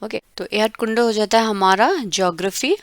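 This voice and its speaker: A woman from India teaching an online German lesson, breaking words into syllables and repeating them slowly. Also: mid-range voice, dry recording. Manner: slow, syllable-by-syllable pronunciation drills.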